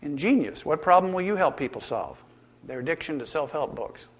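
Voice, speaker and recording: A man preaching a sermon in a conversational way, animated and acting out quoted lines, who works as a counselor. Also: a little high, fairly quick.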